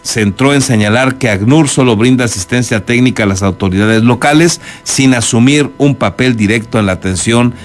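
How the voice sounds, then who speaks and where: Over a music bed, a Mexican-accented male news anchor moves between reports and commentary. He speaks in a mid-range voice at normal speed, leaving few pauses.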